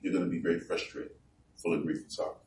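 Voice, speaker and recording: A man preaching in a loose, conversational way. He slows down and presses hard on the scripture he reads aloud. The recording is roomy and distant, with faint background noise. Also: deep voice, little pitch movement, darkish tone. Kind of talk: sermon. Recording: echoey room from far off.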